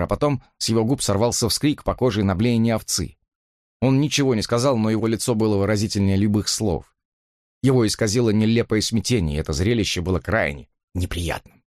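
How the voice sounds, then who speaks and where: Lively male audiobook narrator. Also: fairly low pitch, no echo, studio quality. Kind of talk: audiobook reading.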